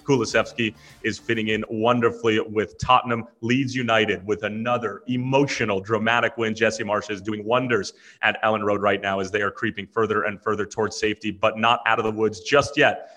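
Male podcast host, rapid sports talk in a lowish register. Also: level tone, sharp tone.

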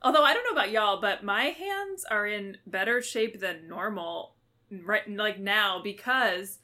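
A woman's voice: mid-range voice, animated, a little slow, sharp tone. A woman co-hosting a podcast in casual chat, talking in a chatty, reflective way. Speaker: podcast co-host.

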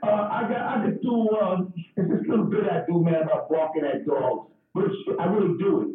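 A man's voice: high voice, fairly quick. A man, a stand-up comedian, telling stories in casual chat over a video call, acting out voices as he goes. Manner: animated, acts out voices and dog sounds. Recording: echoey, distant, phone-like call audio.

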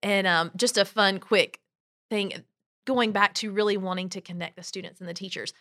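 A woman speaks conversationally as an interview guest. Her voice sits in the middle range, and she tells stories informally, with animated emphasis. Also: mid-range voice, moderate pace. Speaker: podcast guest, travel business owner.

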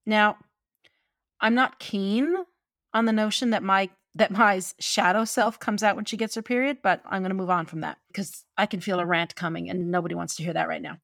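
A woman from gives conversational opinion commentary on film, expressive and opinionated, with wry asides. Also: mid-range voice, moderate pace, vocal fry, no room sound, studio quality. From Newfoundland, Canada.

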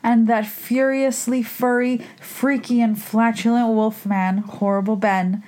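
A woman's voice: fairly high pitch, little pitch movement, a little slow, a little mellow, natural voice. Woman as a playful, macabre vampire hostess. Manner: theatrical, alliterative, playful. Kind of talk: scripted campy horror-show hosting.

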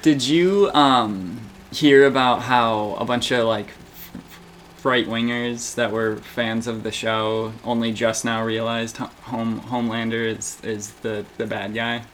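A man chats casually, his speech halting and full of stammers and restarts. His pitch sits in an ordinary middle range. A faint hiss of background noise sits under his voice. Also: fairly even intonation, fairly bright tone. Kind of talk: casual chat.

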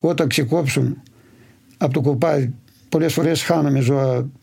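A livestock farmer from Imathia, answering interview questions in detailed, steady storytelling. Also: male voice, mid-range voice, gravelly, husky. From Imathia, Greece.

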